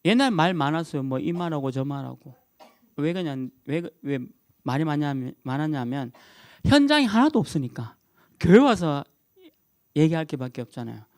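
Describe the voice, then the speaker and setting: Middle-aged guy pastor preaching, voice swinging all over, kinda high, dry close mic, keeps repeating stuff for punch. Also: normal speed, no echo. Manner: animated and emphatic, repeating key words, chuckling at his own jokes. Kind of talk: sermon.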